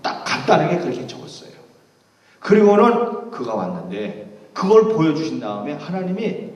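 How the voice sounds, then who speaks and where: Preacher retelling scripture in an echoey hall. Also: male voice, fairly high pitch, sing-song, moderate pace, darkish tone, lo-fi sound. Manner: emphatic, dramatic retelling. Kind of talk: storytelling sermon. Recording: echoey hall, distant mic.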